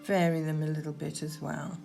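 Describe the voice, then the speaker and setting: A woman giving gentle, unhurried painting instruction, talking through her work as she goes, with trailing pauses. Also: deep voice, flat delivery, creaky, music in the background. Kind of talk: unscripted painting demonstration, talking while working.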